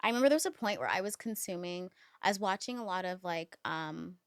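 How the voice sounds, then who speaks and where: A woman's voice: on the low side, fast talker, smooth, no echo, clean studio sound. A woman co-hosting a casual podcast, telling stories with lots of "like" and "um" and acting out the lines she quotes. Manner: animated storytelling, acts out quoted lines; filler-heavy, laughs often. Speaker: podcast co-host.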